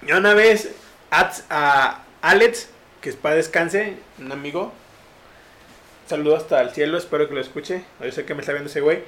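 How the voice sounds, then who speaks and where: A man's voice: a little high, normal speed. A young man, telling a story in casual podcast chat, full of slang and acted-out quotes. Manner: slangy, animated, acts out quotes in raised voices. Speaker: podcast host.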